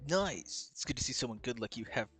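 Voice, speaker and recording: A man voicing an emotionless teenage boy in a flat, monotone robot voice while reading game dialogue aloud. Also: mid-range voice, fairly quick, slightly rough, soft background music. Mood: robotic.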